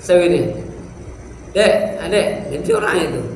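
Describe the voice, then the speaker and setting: A man's voice: on the high side, expressive, measured pace. A male religious teacher teaching a study lesson in a neighborhood prayer hall, explaining a text line by line and talking to the congregation. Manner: explains a text line by line, acts out examples, talks to the congregation as "Pak". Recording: echoey room with faint background hiss.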